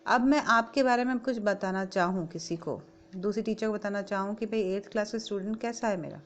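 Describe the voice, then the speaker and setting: A woman's voice: medium pitch, a little fast. A woman with an Indian accent, an English teacher giving a grammar lesson who explains each point in English and then again in Hindi.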